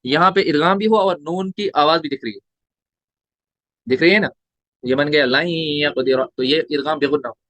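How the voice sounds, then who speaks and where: A Quran recitation teacher gives a tajweed lesson, spelling out each letter and vowel mark one at a time and posing questions he then answers himself. His male voice is a little high and fairly bright, brisk but broken by long pauses, with no echo.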